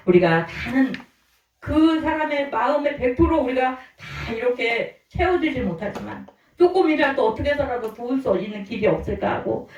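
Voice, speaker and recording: A woman pastor talks her congregation through a relaxed, conversational sermon and keeps checking in with them. Her voice comes from a little way off the mic and rings around an echoey church sanctuary. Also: on the high side, recorded from a distance. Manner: chatty, often checks in with the listeners with a questioning "yes?".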